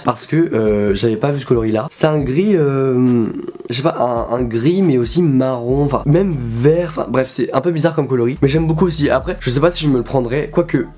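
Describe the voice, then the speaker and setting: A man's voice: mid-range voice, warm tone. A young man from France, sick at the moment, chatting casually and rambling with slang and fillers as he reviews sneakers for his channel. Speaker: YouTuber.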